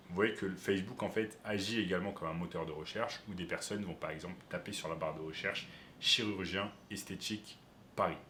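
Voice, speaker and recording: Guy with a deep voice walking viewers through a screen tutorial, roomy echo, bit of hiss. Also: fairly bright tone. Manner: explains step by step to viewers. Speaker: online business coach.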